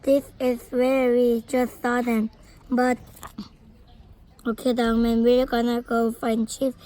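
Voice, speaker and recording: A woman with Korean as her first language, reading a comic book aloud slowly and carefully, sound effects included. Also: a little high, level tone, mellow. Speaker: storybook reader.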